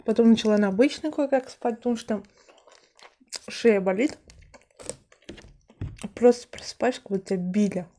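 A young woman chatting casually to viewers while chewing food, in a confiding tone with soft mumbled asides. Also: fairly high pitch, moderate pace, pauses often, slight background noise. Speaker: mukbang vlogger. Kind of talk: casual chat to camera while eating.

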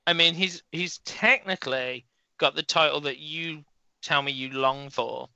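A man's voice: on the high side, measured pace, gravelly, bright, forceful tone, clear, resonant tone, dry recording. A man co-hosting a casual gaming podcast, teasing and dry.

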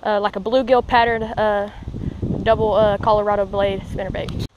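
A young man giving excited, rambling commentary outdoors by a pond, full of fillers and restarts. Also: sits high, moderate pace, lo-fi sound, noisy background. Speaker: fishing vlogger.

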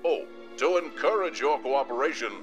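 A man's voice: medium pitch, expressive, moderate pace, dull audio, close to an everyday voice. A man voicing a haughty male alien invader who makes formal, menacing announcements in a video game. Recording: game audio with music behind.

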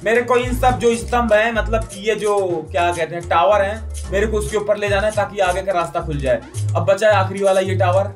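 A man giving jokey, excitable commentary over a mobile adventure game, yelping and protesting whenever his character dies. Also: sits high, fairly quick, faint music behind. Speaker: gaming YouTuber. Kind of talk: Hindi gameplay commentary.

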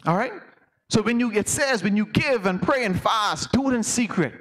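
A man's voice: sits high, animated, normal speed, a bit bright. A man with a Bahamian accent, an elder preaching a conversational sermon and asking the congregation questions.

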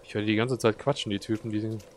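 A man's voice: on the low side, level tone, fast, slight background noise. A young man chatting colloquially and jokily as he comments on a co-op video game. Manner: jokey, colloquial. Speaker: Let's Play host. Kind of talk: casual co-op gaming commentary. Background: video game ambience.

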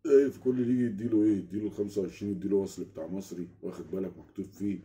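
Speaking very fast in a low voice, an Egyptian man vlogs from a small room at home, ranting animatedly through a story. A little hiss or hum runs under the recording, and he keeps checking that the listener follows.

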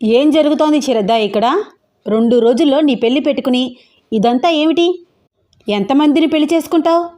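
A haughty middle-aged mother storms through this audio story, shouting and scornful, as a woman narrator puts her on. Her voice sits high and shrill, with a mellow warmth underneath. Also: brisk, pauses often, lightly acted. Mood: shouting scornfully.

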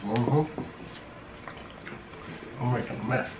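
A man's voice: medium pitch, takes it slowly. A man on a food vlog, chatting casually and teasing in joking banter. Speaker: mukbang vlogger. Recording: echoey room with clear background noise.

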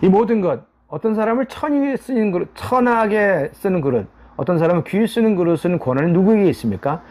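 Male Bible teacher, earnest, slightly high, lively intonation, halting "ah" pauses. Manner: frequent drawn-out "ah" pauses, earnest preaching. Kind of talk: daily Bible study teaching.

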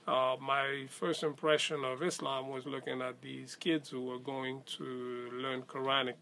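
A middle-aged man from Senegal, recounting his life story in a casual, hesitant way with many pauses and restarts. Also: medium pitch, little pitch movement, vocal fry, pushed and bright, slight background noise. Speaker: convert telling his story. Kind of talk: casual spoken testimony.

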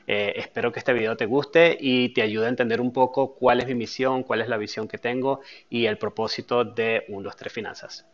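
A man's voice: mid-range voice, moderate pace, hardly any pauses, highs cut off. Earnest man talking to camera. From Venezuela. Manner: earnest, steady, frequent "eh" fillers, gestures with hands. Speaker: personal finance YouTuber. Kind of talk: direct-to-camera introduction. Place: dark studio with a screen backdrop.

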